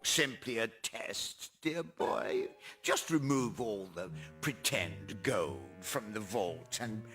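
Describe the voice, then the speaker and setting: An actor playing a scheming, self-important cartoon banker villain with an oily, condescending, grandiose manner. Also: male voice, fairly low pitch, animated, takes it slowly, fairly bright tone, faint music behind. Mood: smarmy persuasion. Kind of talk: animated cartoon voice acting.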